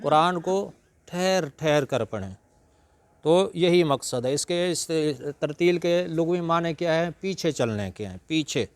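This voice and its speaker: A man giving a religious lecture, teaching slowly and breaking into drawn-out Arabic recitation. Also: on the high side, animated, no room sound. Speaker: Quran reciter and preacher.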